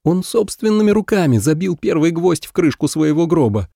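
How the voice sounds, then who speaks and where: A man reading an audiobook in measured, even scripted narration. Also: fairly high pitch, gravelly, no room sound, clean studio sound.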